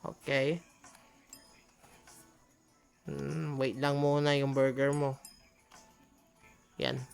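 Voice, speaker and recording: Low-voiced woman chatting over a game. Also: level tone, very slow, gravelly, a little mellow, smooth, soft background music. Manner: chatty, exclaims often, laughs at her own mistakes. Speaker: gaming channel host. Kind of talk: casual gameplay commentary.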